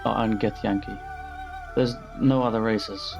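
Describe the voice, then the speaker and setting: Gravelly low man griping over gameplay. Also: fairly even intonation, unhurried, over music. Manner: casual, rambling, blunt with frequent swearing. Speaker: gaming channel host. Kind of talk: let's play commentary over gameplay. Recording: slightly dull lo-fi voice-over.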